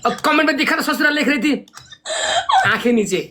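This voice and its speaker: A man's voice: extremely high pitch, brisk, bright, forceful tone, a little hiss or hum. A man streaming live, teasing and taunting playfully in casual banter.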